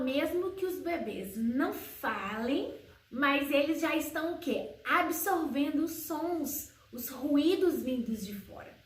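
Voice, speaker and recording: High-pitched woman teaching in a roomy echo. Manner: explains slowly, asks and answers her own questions; sings baby words in a high sing-song voice. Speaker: homeschooling educator. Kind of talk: educational video talk to parents. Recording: roomy echo, slightly far from mic.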